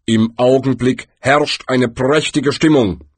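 A man voicing Death as a calm, weary, unhurried figure in an audiobook. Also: medium pitch, slightly rough, dry recording, pitched above the performer's own voice.

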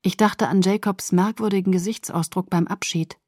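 A woman narrating a first-person story in a calm, measured audiobook reading. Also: mid-range voice, no echo, clean studio sound.

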